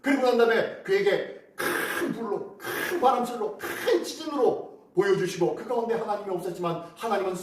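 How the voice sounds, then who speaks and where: A man's voice: high-pitched, moderate pace, few pauses, roomy sound, far from the mic. A man pastor preaching a dawn devotional, asking rhetorical questions with an emphatic preaching cadence, then leading a prayer.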